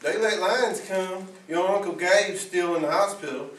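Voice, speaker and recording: A student actor plays Rose, a fussing, middle-aged Southern mother who is bossy but loving, scolding in a motherly drawl for a school play. His voice is high and a bit bright, at normal speed, captured from a distant mic in a reverberant space.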